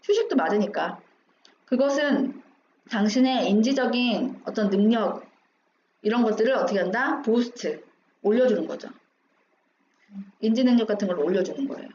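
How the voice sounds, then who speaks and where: A woman's voice: medium pitch, expressive, moderate pace, long pauses, darkish tone. A woman teaching English, going through an exam passage line by line, asking questions and answering them herself. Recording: dull roomy recording with faint hum.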